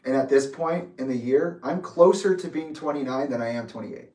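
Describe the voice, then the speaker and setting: A man's voice: medium pitch, warm tone. Intense man in his twenties, echoey room. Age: 20s. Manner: intense, accusatory, deliberate. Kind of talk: emotional personal reflection. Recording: echoey room, distant mic.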